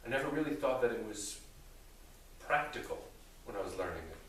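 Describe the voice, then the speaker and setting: A man speaking as a rabbi, answering theological questions in a deliberate, thoughtful way with careful qualifications. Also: mid-range voice, lively intonation, a bit bright. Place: reverberant indoor room with an audience. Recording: very echoey room, distant mic, faint noise.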